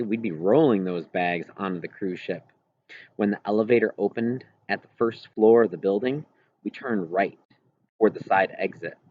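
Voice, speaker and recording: A man reads a first-person story as scripted audiobook narration in a lowish, slightly mellow voice. The home recording is muffled and clearly noisy.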